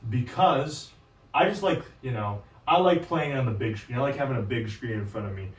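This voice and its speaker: A hoarse man hosting a gaming video, chatting casually in a rambling, self-deprecating way with lots of fillers. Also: mid-range voice. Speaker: gaming channel host. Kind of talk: casual gameplay chat. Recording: roomy echo, distant mic.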